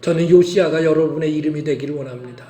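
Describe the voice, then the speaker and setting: Emphatic high-voiced pastor preaching. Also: male voice, fast, warm tone, echoey room. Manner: emphatic, repeats calls to action. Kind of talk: sermon.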